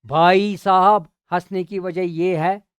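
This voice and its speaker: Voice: medium pitch, steady tone, takes it slowly, clean tone, dry recording, lightly acted. A teacher reading the lines of a skeptical young man who teases his brother-in-law about his plans. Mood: teasing.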